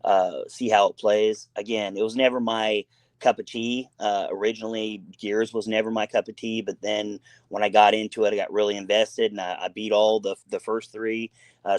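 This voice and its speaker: A man's voice: on the low side, flat delivery, normal speed, dry recording. A man with a son, hosting a casual gaming talk show, talking in long, rambling, emphatic runs full of fillers and restarts. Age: adult with a son.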